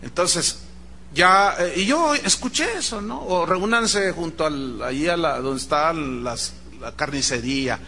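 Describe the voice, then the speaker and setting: A man with a Mexican Spanish accent preaching a sermon, animated, imitating shouting crowds and questioning the congregation. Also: a little high, a little slow. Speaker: pastor.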